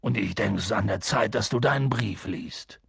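A man reading an audiobook and voicing a huge, hot-tempered but kind male giant who swings between hushed whispers and booming shouts. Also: normal speed, vocal fry, husky, no echo, clean studio sound, heavily acted. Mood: earnest.

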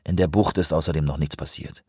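A friendly male station head coaxes and reassures, voiced by a man reading aloud. The voice is husky and dry, recorded close. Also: rumbling low, steady tone, fast talker, dark tone, no echo.

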